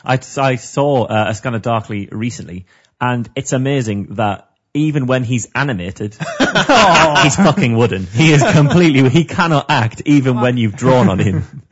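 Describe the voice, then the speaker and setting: Male podcast co-host, husky, sardonic riffing, muffled lo-fi recording. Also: mid-range voice, normal speed. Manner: sardonic, riffs in bursts of jokes. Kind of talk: casual comedic chat.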